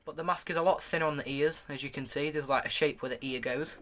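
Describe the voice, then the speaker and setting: Man, slightly high pitch, bright forceful tone, casual show-and-tell review, hesitant stop-start delivery. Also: steady tone, quick pace. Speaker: gas mask reviewer. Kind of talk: casual product review, showing items to camera.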